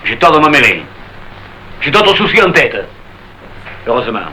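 A man's voice: medium pitch, big pitch swings, sharp tone, poor audio. A hot-headed young barman. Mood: brooding. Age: young adult. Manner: quick-tempered, taunting, then brooding. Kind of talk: 1930s stage-style radio acting. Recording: hissy old archive recording.

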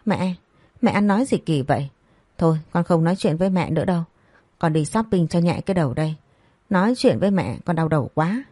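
Woman reading as a bratty sneering young woman, low dark voice, dry sound. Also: expressive, fairly quick, no echo. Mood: defiant. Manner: sneering, defiant. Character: spoiled defiant young woman, cruel younger sister.

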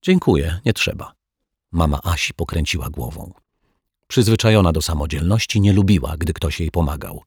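A man narrating a children's audiobook in a calm, even storytelling manner on a close mic. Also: very deep voice, brisk, slightly rough, no room sound. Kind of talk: scripted narration.

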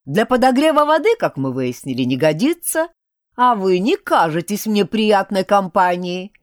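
A woman's voice: medium pitch, very animated, normal speed, no echo, natural voice. Woman doing blunt practical young male necromancer, dry close storybook read. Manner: blunt and matter-of-fact.

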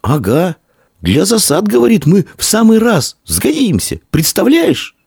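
A man voicing an eager young boy, a blacksmith's son, who shouts breathlessly. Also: a little high, huge pitch swings, unhurried, creaky, husky, no room sound, studio quality, pitched above the performer's own voice, heavily acted. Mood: excited.

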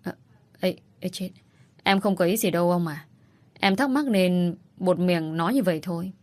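A woman's voice: lowish voice, normal speed, darkish tone, natural voice. A woman reading an audiobook voices a scheming older woman who makes insinuations and then feigns innocence. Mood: sly insinuating.

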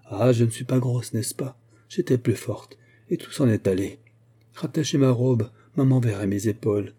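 A man reading the lines of a frail, grieving young woman who pleads and despairs, in a husky, dark voice. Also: medium pitch, normal speed, natural voice. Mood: pleading. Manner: pleading, broken, desperate.

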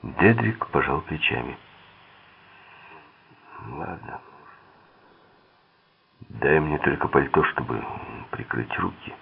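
A man narrates a thriller audiobook in a very deep, gravelly voice with husky edges. His pitch rises and falls a lot, and he gives the characters' quoted lines slightly different tones. The sound is thin and tinny, like a phone line. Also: big pitch swings, slow, pauses often.

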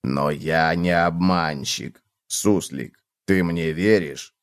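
A man doing a slow, deep-voiced stubborn cockroach. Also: clear, resonant tone, no echo, clean studio sound. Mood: earnest. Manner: low, slow, quiet, earnest. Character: calm stubborn male cockroach from far away.

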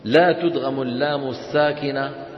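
A man teaching a classroom tajweed lesson, quizzing the class and chanting verses slowly. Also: medium pitch, steady tone, a little hiss or hum. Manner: asks the class questions and answers them, chants verses slowly. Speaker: Quran recitation teacher. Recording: roomy lecture hall, dull lo-fi sound.

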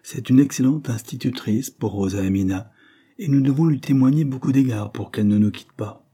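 A man's voice: mid-range voice, expressive, fairly quick, mellow, husky, voice pushed up. A man reading a stern, sour middle-aged lady of the house in an audiobook, speaking severely.

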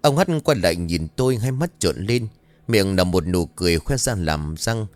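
A man narrating a horror-comedy story in first person, in a lively, expressive way. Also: sits low, normal speed, no echo.

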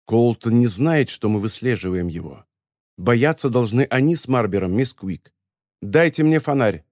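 A man reading an audiobook, voicing a fierce, steely older woman who speaks low, slow and firm. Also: expressive, darkish tone, no room sound, clean studio sound, natural voice.

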